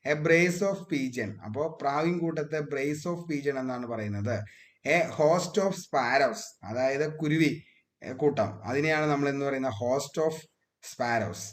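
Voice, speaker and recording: A man's voice: mid-range voice, slow pace. A man teaching an exam revision lesson, repeating each fact and asking questions he answers himself. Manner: drills facts by repeating them, asks then answers himself.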